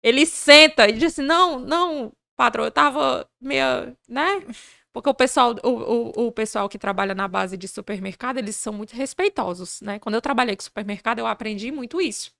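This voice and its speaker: High, bright-voiced woman telling animated stories. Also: fast, gravelly, hardly any pauses, dry recording, clean studio sound. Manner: animated, acts out dialogue in her stories. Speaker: podcast guest, business leader. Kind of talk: conversational interview.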